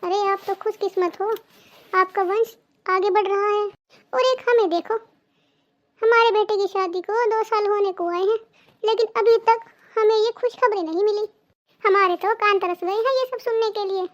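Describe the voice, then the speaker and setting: A shrill, very high cartoon voice of a fretful, suspicious mother-in-law, voiced by a woman. She worries aloud and throws accusations at her daughter-in-law. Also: steady tone, normal speed, highs cut off. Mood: complaining. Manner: anxious, accusing. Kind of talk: cartoon dubbing.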